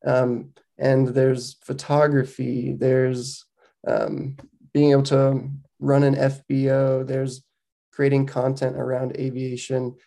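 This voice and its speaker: A man hosting a podcast interview, relaxed and conversational with frequent ums. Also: mid-range voice, slow pace, creaky. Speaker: podcast host. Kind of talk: casual interview.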